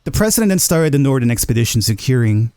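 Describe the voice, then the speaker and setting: A man's voice: mid-range voice, sing-song, fast talker, warm tone, clean tone, voice pushed up, natural voice. A man voicing a dry, stern male teacher who lectures a class like a bored lecturer, reading game dialogue. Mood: dry, instructive.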